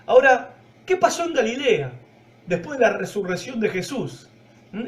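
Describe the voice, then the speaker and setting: A man with a Rioplatense Spanish accent preaching a Bible teaching sermon, telling the story and acting out the dialogue in a lowered voice. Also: far from the mic.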